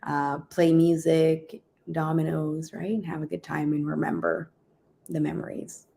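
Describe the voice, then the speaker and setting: A woman from Jamaica, a guest DJ, chatting casually in an interview, relaxed and laughing often, trailing off with ums. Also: low voice, measured pace, vocal fry, slight background noise.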